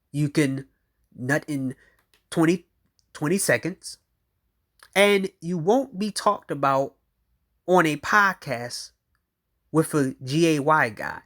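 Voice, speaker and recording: Slow blunt guy reacting to a clip, crude and drawly. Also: a little high, fairly bright tone. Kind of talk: slow commentary.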